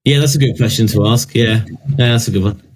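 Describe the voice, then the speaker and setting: A man's voice: mid-range voice, moderate pace, a little mellow. A man co-hosting a podcast, chatting casually in a joking, self-deprecating way. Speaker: podcast co-host.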